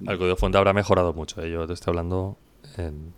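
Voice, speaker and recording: A man in his thirties with an accent from Spain, chatting casually as a podcast co-host in a hoarse, gravelly voice. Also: low-pitched, steady tone, quick pace. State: hoarse from coughing. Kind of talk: casual chat.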